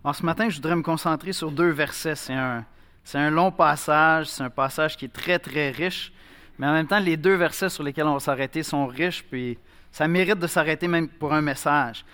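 Pastor, conversational sermon. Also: male voice, fairly high pitch, normal speed, sharp tone. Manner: conversational preaching with fillers and restarts.

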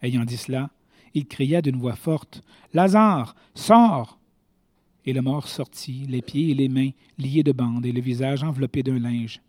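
Man reads scripture, measured pace, warm dark tone, dry sound. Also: medium pitch, no echo. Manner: measured, steady reading. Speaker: scripture reader. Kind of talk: scripture reading.

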